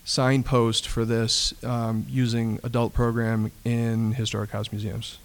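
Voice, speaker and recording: A man speaking at a panel in a measured way. His tone stays flat and even. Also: mid-range voice, vocal fry. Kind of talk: panel discussion comment.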